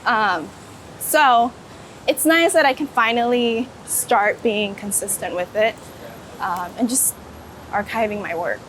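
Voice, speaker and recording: This street photographer's voice is a little high with a fairly bright tone, and she talks slowly. She's interviewed outdoors in the city while walking, chatting enthusiastically and informally and leaning on "like". The recording is rough, with a little hiss or hum, street ambience and passing vehicles.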